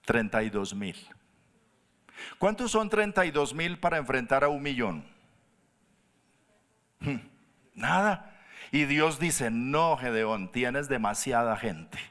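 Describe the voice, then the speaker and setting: A pastor preaching a sermon, animated, jumping up high for emphasis and dropping to soft low tones. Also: male voice, slow pace, pauses often. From Colombia.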